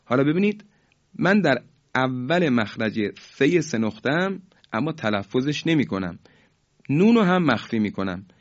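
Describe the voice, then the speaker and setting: A man teaching Quran recitation rules in a formal, polite way, explaining each rule and then chanting the examples slowly and drawn out for students to repeat. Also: mid-range voice, big pitch swings. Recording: dull lo-fi recording.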